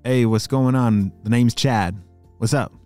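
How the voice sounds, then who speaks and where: A storyteller voicing a laid-back male cicada who talks in a relaxed, casual drawl. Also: medium pitch, unhurried, faint music behind, lightly acted. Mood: chill.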